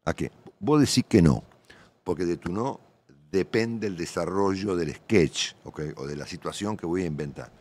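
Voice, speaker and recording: A seasoned Argentine radio journalist in middle age gives a long, casual, rambling interview in Argentine Spanish, dotted with tag questions. His voice is low-pitched and his pace moderate.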